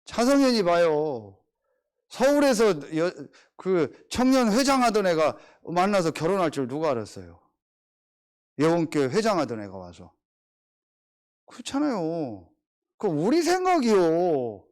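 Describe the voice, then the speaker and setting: A middle-aged man preaches with a notably high voice that swings widely up and down as he tells stories. He keeps pressing his listeners with rhetorical questions in an animated, conversational sermon. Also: measured pace. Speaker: pastor.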